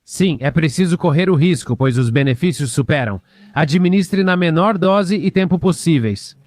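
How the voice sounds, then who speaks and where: A man with a slightly high voice talks over clips, mocking and sarcastic. The sound is dry and close. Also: lively intonation, normal speed, a little mellow, no room sound. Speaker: commentator.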